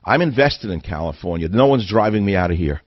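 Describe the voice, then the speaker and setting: A man's voice: deep voice, animated, brisk, dry recording, lo-fi sound. An older man hosting a radio talk show, delivering an indignant monologue full of hammering rhetorical questions. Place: radio studio.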